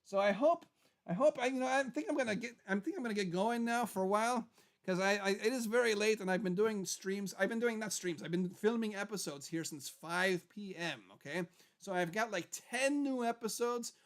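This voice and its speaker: A man's voice: high voice, brisk, natural voice. A man voicing a chatty skeleton show host in casual livestream talk, rambling and repeating phrases for emphasis. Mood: chatty, playful. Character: animated skeleton character, chatty male puppet show host. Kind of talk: casual in-character livestream chat.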